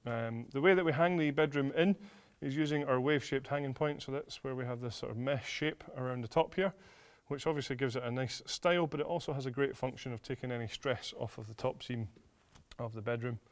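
A man in his thirties presents a product in a friendly, explanatory way, with plenty of "uh" fillers as he goes. His voice sits at an ordinary middle pitch. He speaks indoors in a studio. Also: brisk. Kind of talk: product demonstration. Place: large indoor studio with a tent.

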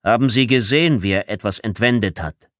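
A stern commanding officer questions his men in a curt, controlled tone. A male audiobook reader acts him out. His voice sits a touch higher and firmer than the narration, in a dry studio. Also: fairly quick, no echo, close to an everyday voice. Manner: curt but calm. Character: gruff, controlled camp commander colonel, older man.

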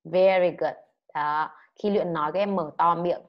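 A woman from Vietnam with a lowish, fairly even voice gives kids an online English lesson, a little slowly. She explains words and drills them loudly for repetition, heard through dull audio.

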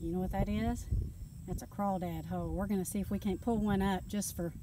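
A woman's voice: mid-range voice, fairly even intonation, fairly quick. A middle-aged woman, chatting casually to viewers in a vlog as she walks around her rural garden and yard, filming on a phone. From North Texas. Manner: chatty, folksy, talks straight to viewers while working outdoors. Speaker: gardening vlogger. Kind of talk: casual vlog walk-through. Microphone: phone camera held or close by. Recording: outdoor wind and yard noise.

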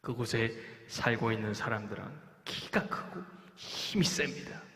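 A man preaching a children's sermon, telling a story with lively acted-out quotes and questions to the kids. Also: medium pitch, normal speed. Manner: animated, acts out quoted speech, asks children questions. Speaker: children's pastor. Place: church worship hall. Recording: echoey church hall.

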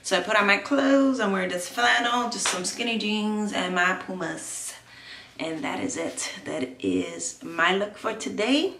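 A woman's voice: medium pitch, animated, unhurried, a bit bright, a little hiss or hum. A woman vlogger chatting candidly and rambling while she does her makeup at home. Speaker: beauty vlogger. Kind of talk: casual get-ready-with-me chat. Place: home, indoors. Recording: echoey room.

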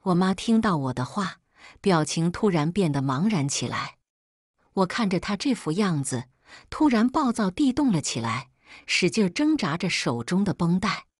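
A woman's voice: fairly low pitch, very animated, moderate pace, husky, no echo, studio quality. A woman reading a family drama aloud as a scripted first-person narration, telling it expressively. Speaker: storyteller.

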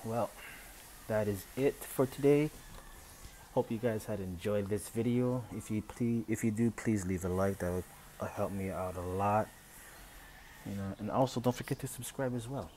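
This adult channel host, a father of three, chats through an unboxing at home beside a Christmas tree, musing aloud and sounding unsure. He speaks at normal speed with a lowish, warm voice. Captured on a phone camera, the audio has slight background noise.

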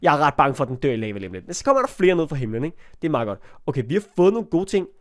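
A man's voice: on the high side, very animated. A young man with a cold giving chatty let's play commentary on a block-building game, talking to the animals and yelping when startled. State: has a cold. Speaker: gaming YouTuber.

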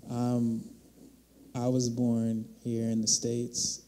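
A man in his thirties speaking on a panel into a handheld mic, measured and reflective. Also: mid-range voice, monotone, warm tone, a little hiss or hum. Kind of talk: panel discussion. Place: large hall on a stage.

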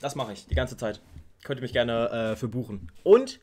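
A young man hosting a music reaction video, gushing in excited, slangy casual commentary. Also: medium pitch, moderate pace. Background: faint hip hop track playing.

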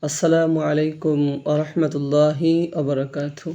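A man's voice: a little high, level tone, fairly quick, warm tone, muffled recording. A man teaching a Quran reading lesson, explaining how letters are pronounced and repeating each sound for learners to copy. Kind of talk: slow spoken lesson on letter pronunciation.

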